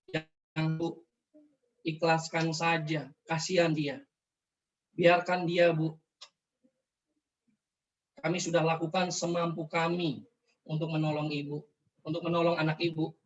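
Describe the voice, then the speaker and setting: Weary doctor gently consoling, as a man puts him on. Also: a little high, lightly acted. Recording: distant mic, dull lo-fi sound.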